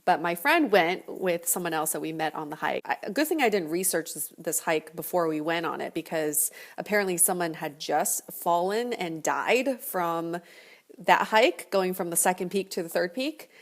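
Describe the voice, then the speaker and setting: A woman's voice: on the low side, lively intonation, moderate pace. A woman video host telling a personal story to viewers in a casual, chatty way.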